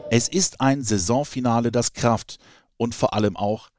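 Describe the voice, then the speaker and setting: A male narrator with a mid-pitched voice reads a scripted sports report. The sound is very dry, with no room echo. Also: normal speed, a little mellow.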